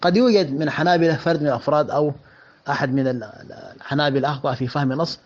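A man's voice: fairly high pitch, rapid-fire, darkish tone. A man giving a rebuttal lecture on religious doctrine, speaking emphatically and repeating phrases for stress, in a dull lo-fi recording. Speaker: Islamic religious commentator.

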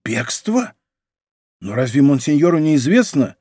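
An eager, bowing castle warden who answers every question with courtesy, as the narrator reads him. His voice is a touch higher than the narration and sounds dry and close. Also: big pitch swings, unhurried, a little mellow, slightly rough, dry recording, full character voice. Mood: deferential. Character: deferential male castle warden, servile.

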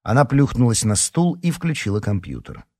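A man narrating an audiobook in an expressive storytelling manner. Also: mid-range voice, normal speed, breathy edge. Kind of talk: scripted narration.

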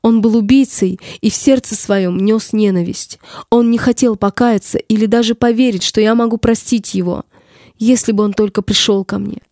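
A woman's voice: mid-range voice, steady tone, moderate pace, mellow, dry recording, clean studio sound, close to an everyday voice. Woman reading as solemn Jesus. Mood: grave. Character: Jesus, calm grave male savior speaking. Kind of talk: audiobook reading.

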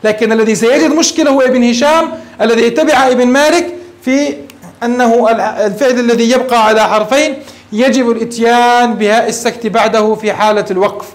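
Man, very high voice, quick delivery, grammar lecture, poses questions to students. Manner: explains step by step, asks students questions and answers them. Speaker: teacher of Arabic grammar. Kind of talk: classroom lecture.

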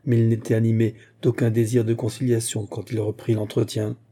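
A man reading a classic novel aloud in measured, even narration. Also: fairly low pitch. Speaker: audiobook reader.

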